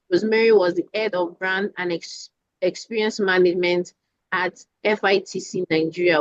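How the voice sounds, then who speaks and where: A woman hosting an online training session, reading out a guest speaker's introduction in a formal, steady way over a video call. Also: mid-range voice, no room sound. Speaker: event host. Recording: dull lo-fi video call audio.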